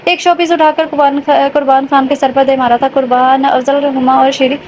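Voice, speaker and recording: Woman reading a romance novel out loud, high voice, does all the characters the same way, kinda muffled recording w light hiss. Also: flat delivery. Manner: reads every character's lines in her own voice with little change. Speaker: audio novel narrator. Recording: dull lo-fi recording with faint noise.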